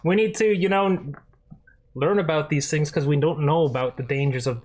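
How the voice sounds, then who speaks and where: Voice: medium pitch, normal speed, a little mellow. A podcast host in a casual review chat, rambling and enthusiastic, with many fillers.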